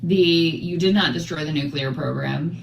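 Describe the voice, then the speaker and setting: Woman, very low voice, scathing, emphatic, analytical political chat, faint noise behind. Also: normal speed, creaky, echoey room, low-quality recording.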